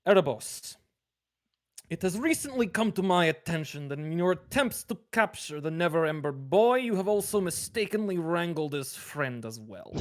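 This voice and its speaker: A man's voice: high-pitched, voice pushed up. A man voicing a menacing letter writer with a put-on Russian accent, reading formally as game master.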